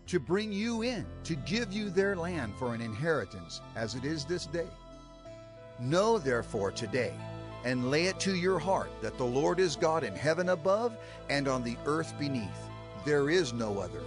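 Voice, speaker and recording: In a dramatized scripture reading, an actor plays a male prophet and leader who solemnly exhorts his people. His delivery is emphatic and oratorical, pitched on the high side.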